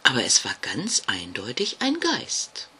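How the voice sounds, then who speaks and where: A man reading a German children's bedtime story aloud, slow and expressive. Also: medium pitch, breathy edge.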